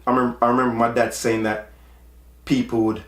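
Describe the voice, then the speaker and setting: A man's voice: mid-range voice, level tone, a little fast, a bit bright, reverberant. A man in his forties from Jamaica, talking earnestly about his own life and often repeating words as he presses a point. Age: 40s. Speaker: podcast host. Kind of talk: personal monologue.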